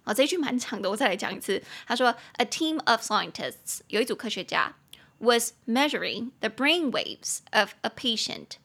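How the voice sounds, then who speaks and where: A young woman hosts a podcast English lesson in a chatty, explanatory way, slowing down to spell each word out. Her voice sits a little high and rings bright and sharp. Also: sing-song, gravelly, husky. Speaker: English teacher and podcast host.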